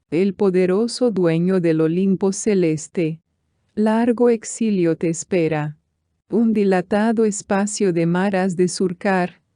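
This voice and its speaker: A woman's voice: mid-range voice, warm tone, dry recording, clean studio sound, natural voice. A woman reading the lines of a wife's ghost, in a solemn, consoling manner. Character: ghost of a grieving young wife.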